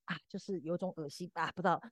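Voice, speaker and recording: A woman's voice: lowish voice, fairly even intonation, quick pace, no room sound, studio quality. A woman co-hosting a podcast, telling a story animatedly and acting out the quoted lines. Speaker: podcast co-host. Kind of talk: casual storytelling chat.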